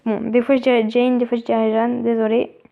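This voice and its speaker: A young woman chatting casually as she plays a mobile game, reading its text aloud and thinking out loud. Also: on the high side, flat delivery, quick pace, creaky. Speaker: let's play gamer. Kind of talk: casual gameplay commentary. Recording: tinny phone-like sound.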